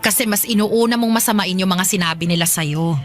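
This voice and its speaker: In a Filipino radio drama, a woman plays a defensive, argumentative middle-aged mother who scolds and brushes others off. Her mid-range voice moves a little quickly and sounds close to everyday speech, with soft music behind it. She fires back sharp, questioning retorts in a dismissive, scolding mood.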